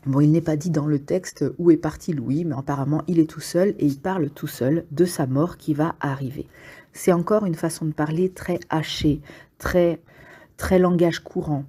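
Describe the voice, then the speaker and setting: A woman's voice: sits low, steady tone, moderate pace, dark tone, breathy edge. A woman giving a casual spoken summary of a book's scenes, explaining plainly with frequent hesitations. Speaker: literature summary presenter.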